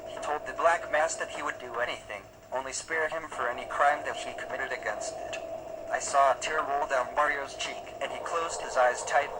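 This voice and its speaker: Synthetic male narrator over loud noise. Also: mid-range voice. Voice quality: synthetic text-to-speech voice. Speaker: narrator of a horror story. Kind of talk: scripted first-person narration.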